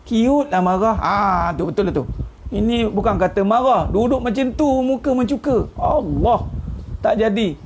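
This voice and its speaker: A middle-aged man with a Malaysian Malay accent, high-voiced and darkish in tone, gives an informal online sermon as an ustaz. He's chatty and teasing, chuckling at his own jokes, with a little hiss or hum in the recording.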